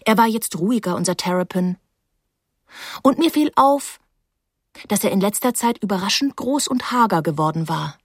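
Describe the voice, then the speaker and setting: A woman narrating a first-person novel as an audiobook, calm and wry. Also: mid-range voice, normal speed, long pauses, breathy edge, dry recording, studio quality.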